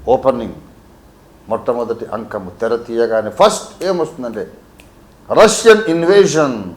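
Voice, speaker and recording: A man from Warangal, a pastor teaching a Bible sermon, swinging between quiet asides and emphatic peaks. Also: mid-range voice, roomy sound. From Warangal, India.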